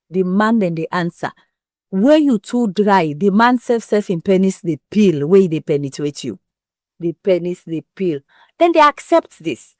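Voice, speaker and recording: A woman speaking West African Pidgin-accented English discusses women's health as an interview guest, frank and emphatic and drawing on ordinary comparisons. Her voice is medium in pitch, and the recording is dry and studio quality.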